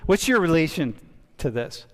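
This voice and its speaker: A man teaching a university class as a relaxed, chatty professor who keeps breaking off and restarting. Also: fairly high pitch, normal speed. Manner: chatty, interrupts himself often. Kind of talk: casual classroom discussion. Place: large lecture hall. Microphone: wireless mic. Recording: reverberant lecture hall.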